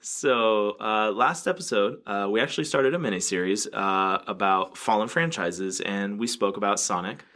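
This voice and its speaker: A man's voice: lowish voice, normal speed, few pauses, sharp tone. A man co-hosting a gaming podcast in casual chat, joking and laughing often. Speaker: podcast co-host.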